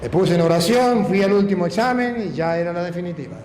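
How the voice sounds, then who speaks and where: High-voiced priest preaching in a hall. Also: male voice, quick pace. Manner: animated, emphatic storytelling. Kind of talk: storytelling sermon. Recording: echoey hall, faint noise.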